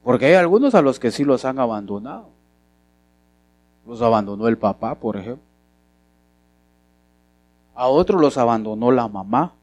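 A man preaches a sermon at a mid pitch. He keeps putting questions to the congregation and moves between loud and soft as he builds his points. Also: animated, normal speed, long pauses, no echo. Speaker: pastor.

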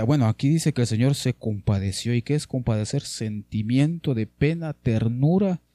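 Mellow-voiced preacher man, dry sound. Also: no echo. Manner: addresses listeners as brother, lively swings in pitch. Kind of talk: sermon.

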